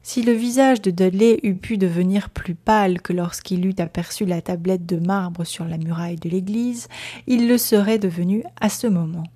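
A woman narrating a period novel aloud in a measured, expressive storytelling manner. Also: fairly low pitch. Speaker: audiobook narrator. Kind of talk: literary audiobook reading.

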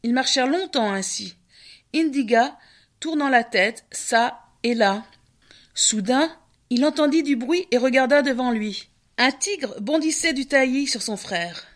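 A woman telling a folk tale in scripted narration. Her voice sits a little high and her delivery is measured and expressive. She paces the story with care.

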